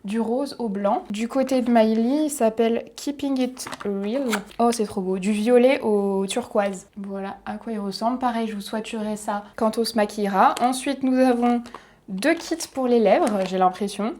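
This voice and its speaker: A young woman, chatting excitedly as she unboxes and swatches makeup for her vlog. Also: a little high, moderate pace, a little hiss or hum. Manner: excited, chatty, giggly asides. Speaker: beauty vlogger.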